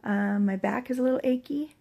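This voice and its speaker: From a hotel room, a middle-aged American woman vlogs about recovering from surgery, her voice husky, breathy and gravelly yet fairly high, mellow and a little fast. Weak and achy, she rambles hesitantly in a casual, personal way.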